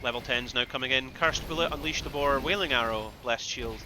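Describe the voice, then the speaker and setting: A man giving excitable live play-by-play commentary on an esports match, with bursts of loud exclamations. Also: medium pitch, fairly quick. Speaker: esports caster.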